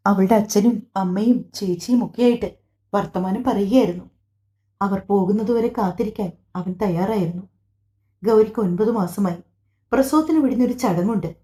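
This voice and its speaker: A woman narrating a family audiobook story in a calm, even storytelling manner. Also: medium pitch.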